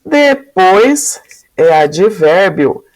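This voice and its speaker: A woman's voice: on the low side, sing-song, extremely slow, darkish tone. A woman teacher working through exam questions step by step, stopping often to check that listeners follow. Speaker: Portuguese teacher. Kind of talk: exam question walkthrough lesson.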